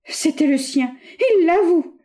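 A woman's voice: very high-pitched, animated, slow pace, warm tone, pitched above the performer's own voice, full character voice. A woman playing a melodramatic jilted young woman. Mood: tragic. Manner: plaintive, choked theatrical delivery.

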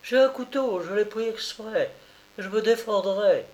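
A man's voice: high voice, a little slow, darkish tone, pitched above the performer's own voice. A man reading aloud as a poor peasant mother, tearful, pleading and indignant. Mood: defiant. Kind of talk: audiobook character reading.

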